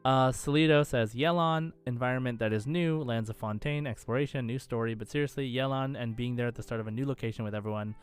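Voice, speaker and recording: A man co-hosts a casual gaming podcast, chatting enthusiastically and reading out listener comments. He speaks fast in a clean, mid-range voice with few pauses, and faint music plays behind him.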